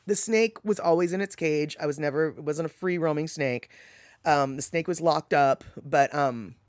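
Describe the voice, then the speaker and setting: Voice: medium pitch, dry recording, studio quality. A live-stream host from the United States chatting casually with viewers, rambling, correcting themself and laughing at their own remarks. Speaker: livestream host reading viewer chat.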